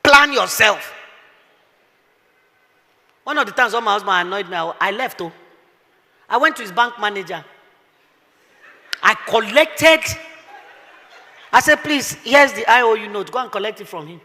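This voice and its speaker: A middle-aged woman pastor, preaching fervently with rhetorical questions and shouted bursts. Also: medium pitch, expressive, unhurried, long pauses. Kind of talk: sermon. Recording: echoey hall.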